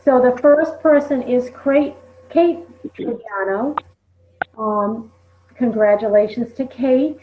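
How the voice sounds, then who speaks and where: A woman's voice: a little high, takes it slowly, a little hiss or hum. A woman leading a team recognition call, speaking conversationally and peppering her talk with "you know". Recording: tinny phone line.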